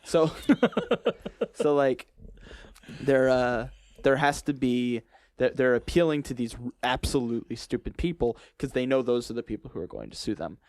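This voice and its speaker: A man's voice: mid-range voice, expressive, normal speed, a little mellow, no echo. A man co-hosting a podcast in casual chat, blunt and opinionated with a joking edge, recorded on a close mic. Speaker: podcast co-host.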